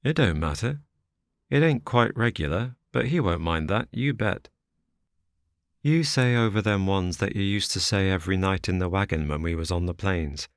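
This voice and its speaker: A man voicing a weary, hardened frontier adventurer who talks in rough, plain speech. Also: sits low, animated, normal speed, dry recording, clean studio sound.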